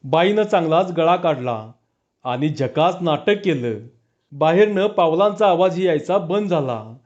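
A man narrating a comic village story in a lively spoken style, using rural dialect. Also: fairly high pitch, a little slow, muffled recording.

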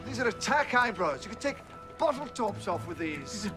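An actor playing an eccentric, sardonic alien time traveller with a Scottish accent in a television drama. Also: male voice, high voice, sing-song, normal speed, over music. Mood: self-admiring. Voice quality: sharp, sarcastic, erratic outbursts.

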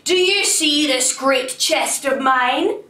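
A boastful giant spirit looms out of the floor of a storybook abbey, voiced by a woman reader. It asks its questions slowly and loudly, heard through an echoey room from well back from the mic. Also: sits high, voice pushed up, heavily acted. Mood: menacing. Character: fearsome giant haunting creature rising from floor. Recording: roomy, distant mic.

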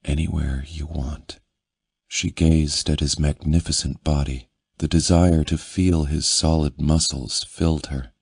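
Very deep, slow male narrator. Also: fairly even intonation, breathy edge, no room sound. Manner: slow, low, intimate reading. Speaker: audiobook narrator. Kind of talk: scripted narration.

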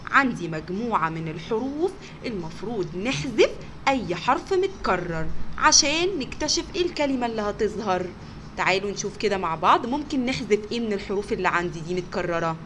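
A woman with an Egyptian Arabic accent teaching kindergarteners, sounding out words slowly and praising them often. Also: medium pitch, fairly bright tone, slight background noise. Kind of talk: recorded online lesson for young children.

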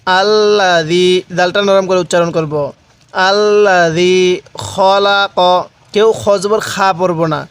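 A man teaching Quran reading, explaining rules quickly and then chanting verses slowly, asking learners to repeat after him. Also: sits high, steady tone, clear, resonant tone, no echo. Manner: alternates quick explanation with slow drawn-out chanting. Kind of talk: Quran reading lesson with slow chanted recitation.

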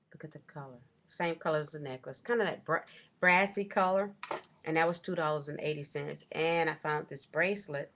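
A middle-aged woman with a low voice talks casually into a desk webcam at home. She rambles through her shopping haul, stopping to correct herself on prices. The talk is loose and chatty. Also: a bit bright. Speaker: vlogger. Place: small room at home, indoors.

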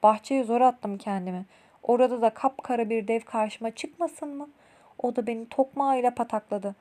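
A woman's voice: fairly high pitch, normal speed, mellow, lightly acted. A woman voicing a frightened male bandit from a children's storybook, telling his tale in an alarmed rush.

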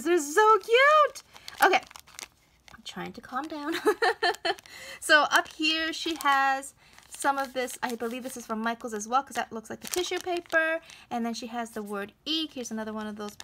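A woman, hosting a casual crafting show-and-tell, gushing with excited exclamations over each item. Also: sits high, a little hiss or hum. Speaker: crafting channel host.

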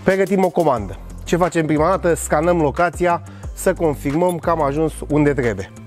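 Soft music plays behind a fairly high-pitched man in his thirties as he shows off a product in a big warehouse. He sounds upbeat and scripted, walking around and working as he demonstrates.

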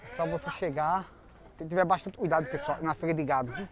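A man with a Northeastern Brazilian accent, talking quickly at a fairly high pitch, guides a relaxed vlog tour of an outdoor cattle market, asking what animals cost and echoing the prices back with folksy tag questions. He records on a handheld phone from behind the camera, and the dull outdoor audio picks up crowd noise.

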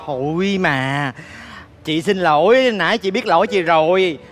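Middle-aged woman food seller, high voice, pleading and coaxing. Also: fast talker, a bit bright, faint music behind. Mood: apologetic. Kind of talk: TV comedy skit.

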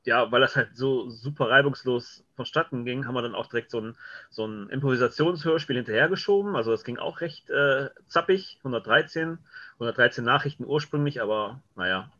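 Speaking over a video call from a room at home, a middle-aged scriptwriter and director appears as an interview guest and casually tells anecdotes. His mid-range voice is bright and forceful, and he talks briskly. The lo-fi call audio sounds dull.

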